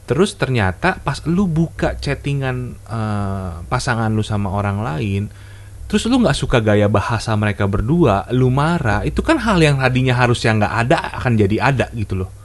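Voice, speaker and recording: A man co-hosting a casual podcast chat, giving his own views in a relaxed, reflective way. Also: medium pitch, moderate pace. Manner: relaxed, reflective, gives his opinion plainly. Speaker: podcast co-host.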